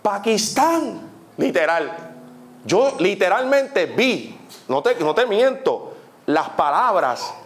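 A young man with a Puerto Rican accent preaching a testimony sermon, animated, often saying "literally" and putting questions to his listeners. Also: high-pitched, slow. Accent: Puerto Rican Spanish.

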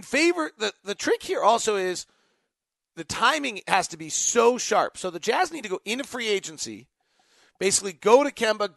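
High-sitting and fairly bright, this man's voice carries vocal fry in a dry recording. As host of a sports podcast, he riffs unscripted on basketball and fan questions, working things out aloud in emphatic, broken-up phrases.

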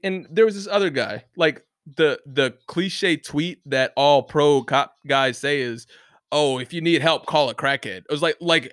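A man rants in a casual, rambling way, full of restarts, fillers and swearing. His voice sits slightly high for a man. The sound is dry and close, with no room in it. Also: a bit bright, no room sound. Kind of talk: casual rant to camera. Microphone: close mic, bumped once.

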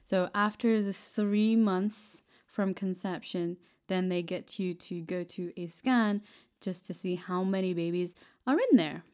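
A woman's voice: fairly low pitch, unhurried, hardly any pauses, a little mellow. A woman in her twenties co-hosting a podcast in casual, chatty talk, laughing easily. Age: 20s. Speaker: podcast co-host. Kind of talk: casual chat.

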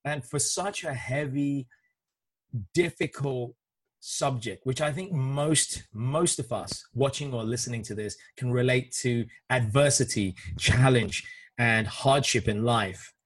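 A man hosting a podcast interview, chatty and enthusiastic, with a slightly husky voice. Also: mid-range voice, unhurried, no echo. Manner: enthusiastic, chatty, many fillers. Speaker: podcast host. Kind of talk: casual interview.

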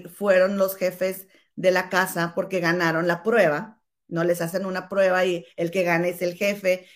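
A woman in casual gossip chat, animated and calling her listener comadre. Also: medium pitch. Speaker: co-host.

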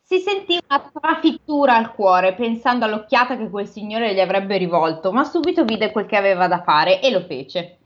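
A woman hosting a casual chat, retelling a classic novel and reading passages aloud in a lively, joking manner. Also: mid-range voice, normal speed, hardly any pauses. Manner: lively, chatty, breaks off to joke. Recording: dull lo-fi recording.

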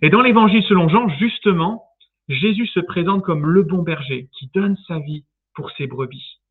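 A man speaks from a library over a tinny, phone-like line. His voice sits fairly high, and he opens his talk in a playful, storytelling way. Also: normal speed, husky. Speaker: guest speaker, theology student. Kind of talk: talk with a light intro. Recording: tinny phone-like online call.

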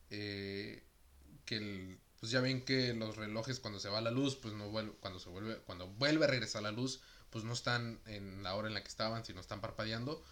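A Mexican man in his twenties, with a lowish voice and fairly bright tone, chats casually and jokingly. He then reads a news item aloud, using many fillers throughout.

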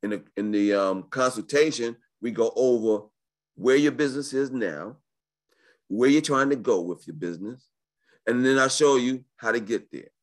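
A man giving a casual, slangy live webinar sales pitch in the manner of a home shopping host, pushing deals and often checking in with the listener. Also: normal speed. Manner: informal and slangy, often checking in with right and okay. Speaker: business credit coach hosting a sales webinar.

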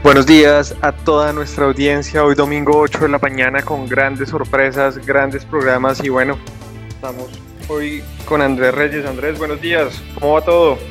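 A man's voice: medium pitch, little pitch movement, moderate pace, a bit bright, soft background music. A man opening a radio show with friendly welcomes. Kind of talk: radio interview.

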